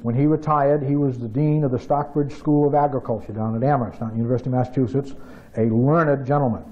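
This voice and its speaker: A man's voice: medium pitch, fairly even intonation, quick pace, warm tone. Man spinning folksy yarns. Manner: dry, drawling yarn-spinner. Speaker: storyteller. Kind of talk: folksy storytelling. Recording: dull lo-fi radio audio.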